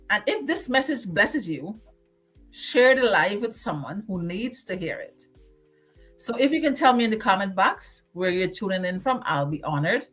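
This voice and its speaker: A woman's voice: medium pitch, fairly bright tone. A woman from Guyana with a Guyanese accent, hosting a motivational livestream and preaching, repeating phrases for emphasis. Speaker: livestream host.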